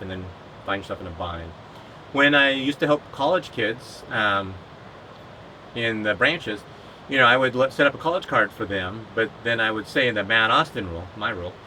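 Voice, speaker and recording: Middle-aged man, casual dad-advice vlogger, bright tone, easygoing and full of fillers. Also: lowish voice, slight background noise, low-quality recording. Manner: relaxed, conversational, many fillers. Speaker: father giving advice.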